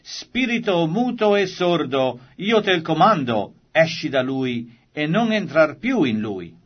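A man reading the words of Jesus in a solemn, measured way, as a grave and authoritative teacher. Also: mid-range voice, big pitch swings, slightly rough. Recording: slightly dull lo-fi recording.

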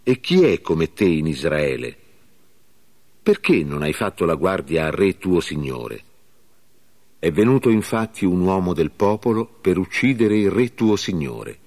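An earnest young warrior who calls out with indignation and solemn pleading, read by a man. The voice sits very low and carries a grave, declaiming tone. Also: lively intonation, a little slow, darkish tone. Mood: indignant.

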